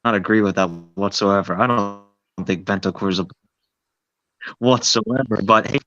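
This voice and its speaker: A low-voiced man joins a live fan stream over a remote mic. His audio glitches and breaks up, and the sound is dull and lo-fi. He talks in a casual, blunt way about his opinions. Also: normal speed, fairly bright tone, soft background music. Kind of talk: casual chat. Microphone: remote call mic.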